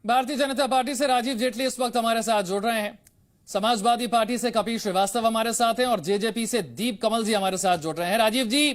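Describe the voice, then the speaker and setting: High-voiced male news anchor. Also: fairly bright tone. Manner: pressing, questioning. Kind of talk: news presenting and debate moderation.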